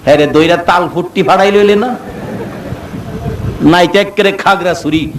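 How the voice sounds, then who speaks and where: High-pitched preacher man, echoey and distant. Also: moderate pace, a little hiss or hum. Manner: sing-song rising to shouts, acts out dialogue. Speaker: waz preacher. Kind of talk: Bengali waz sermon with storytelling. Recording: echoey amplified sound from far off.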